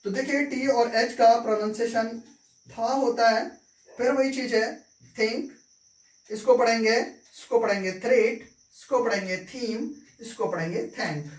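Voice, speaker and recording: A woman teaches English consonant sounds, speaking very slowly and repeating each word and its meaning. Her voice sits a little high, and it comes from a distance in an echoey room with crickets faint behind her. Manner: slow, repeats words and meanings, checks with "ठीक है". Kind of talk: phonics lesson in Hindi.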